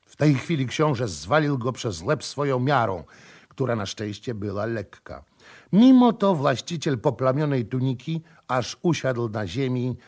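A man narrates a novel in a steady, expressive reading voice. His pitch sits in the middle range. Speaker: audiobook narrator. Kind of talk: scripted narration.

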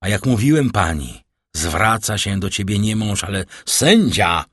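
A man reading an audiobook, voicing a cold, stern prosecutor who accuses his wife in a slow, cutting manner. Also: fairly low pitch, sing-song, fairly bright tone, slightly rough, no room sound, clean studio sound, full character voice. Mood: accusing. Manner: icy, cutting, slow and menacing. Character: cold stern male prosecutor, middle-aged husband. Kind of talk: audiobook character voice.

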